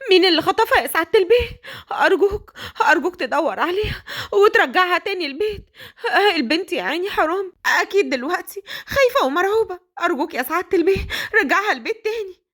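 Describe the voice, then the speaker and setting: A woman's voice: extremely high pitch, lively intonation, fast, a bit bright, pitched above the performer's own voice, exaggerated voice. A woman voicing an anxious older housekeeper, pleading frantically in an Egyptian voice. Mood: frantic. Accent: Egyptian Arabic.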